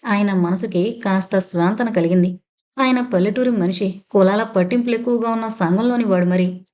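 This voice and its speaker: A woman narrates a family novel in steady, scripted storytelling. Her reading voice sits in a middle pitch and stays close and plain. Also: moderate pace. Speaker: audiobook narrator.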